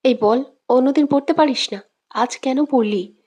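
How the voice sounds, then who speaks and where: Brief: woman reading jealous angry young husband, threatening, slightly high voice. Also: measured pace, a little mellow, breathy edge, muffled recording. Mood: furious. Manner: furious, threatening.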